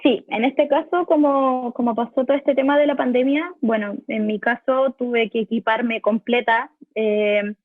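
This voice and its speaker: A Chilean voice actress with a Chilean Spanish accent answers interview questions from her home recording room, hesitating and often restarting or repeating words. Her voice is on the high side, steady and unhurried, over a dry, tinny phone-like line.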